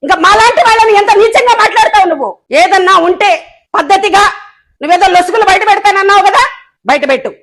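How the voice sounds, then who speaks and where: A woman's voice: high voice, fairly bright tone. A woman giving a combative press statement as a local political leader, fiery and sarcastic, scolding with rhetorical questions.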